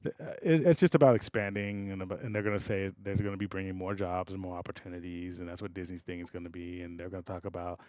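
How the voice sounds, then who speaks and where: A man co-hosting a podcast in loose, casual chat. His voice sits on the low side and the sound is dry and close-miked. He rambles, laughs easily and lets sentences trail off. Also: fairly even intonation, fast, few pauses, a little mellow, dry recording. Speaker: podcast co-host.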